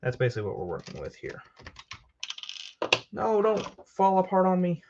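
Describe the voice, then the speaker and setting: A man's voice: high-pitched, huge pitch swings, moderate pace, creaky, highs cut off, background noise. A man casually commenting while he builds with Lego, rambling and joking at himself as he works. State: tired.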